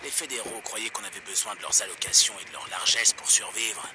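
Un comédien doublant, pour un jeu vidéo, un homme amer qui prêche sa rancœur contre le gouvernement dans une émission de radio pirate, d'un ton méprisant et moqueur. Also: male voice, on the low side, fairly quick, noisy background. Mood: scornful ranting. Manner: scornful, preaching, mocking. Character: bitter anti-government man ranting on pirate radio. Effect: pirate radio broadcast heard over a radio. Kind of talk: video game dub.

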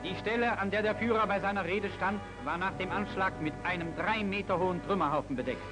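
A high-pitched male narrator in old newsreel style, declaiming solemnly over loud orchestral music. The sound is an old newsreel soundtrack. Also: fast, rough recording. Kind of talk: 1939 newsreel commentary.

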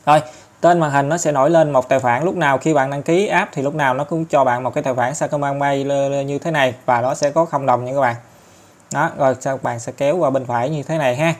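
A man with a Southern Vietnamese accent talking viewers through an app tutorial step by step, chatty and filling pauses often. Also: mid-range voice, steady tone. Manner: chatty, step-by-step, many fillers and tag particles. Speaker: tutorial host. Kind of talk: screen-recorded app tutorial.

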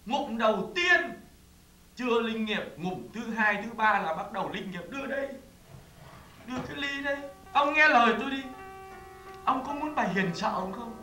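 Man, stage comedy sketch, boastful, coaxing, bright, distant echoey hall. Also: extremely high pitch, expressive, moderate pace, soft background music.

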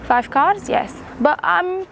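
A woman's voice: extremely high pitch, animated, slow pace, vocal fry, a bit bright. A young woman in her twenties chatting casually to camera on a walk outdoors, full of fillers and small laughs, on a lapel mic. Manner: chatty, hesitant, many fillers and little laughs. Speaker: photography vlogger. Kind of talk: casual vlog walk-and-talk. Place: outdoors on a city street. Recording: street noise in the background.

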